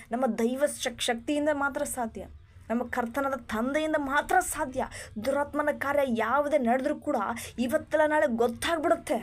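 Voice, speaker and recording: A woman with a high, bright-pitched voice delivers an earnest sermon. She punctuates nearly every thought with hallelujah and calls her listeners beloved. She presses them with repeated rhetorical questions. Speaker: preacher.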